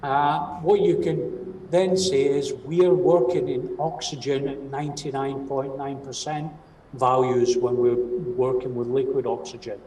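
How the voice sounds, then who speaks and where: A man's voice: mid-range voice, flat delivery, a little slow, mellow. A man with a broad Scottish accent giving a training presentation, explaining step by step and often checking that listeners follow. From Scotland. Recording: distant mic, roomy echo, faint noise.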